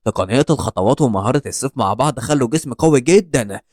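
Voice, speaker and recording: A cocky young fighter with an Egyptian accent, read by a man in a storybook recap. He speaks low and threatening, with a lively rise and fall and quick delivery. The sound is dry and close. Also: dry recording, natural voice. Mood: inner thought. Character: brash young male fighter hero.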